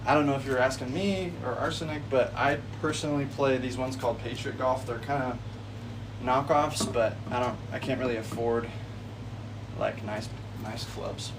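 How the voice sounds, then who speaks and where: A man's voice: mid-range voice, normal speed, recorded from a distance, noisy background. A man in his twenties giving casual golf tips on a livestream in his backyard, friendly and easygoing, calling viewers buddy and bro. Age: 20s. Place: backyard outdoors.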